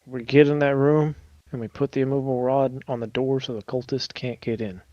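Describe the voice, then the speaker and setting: A man at mid pitch planning tactics with his group during a tabletop game. His recording sounds dull and dry, with little room around the voice. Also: fairly even intonation, fairly quick, warm tone, dry recording. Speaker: player.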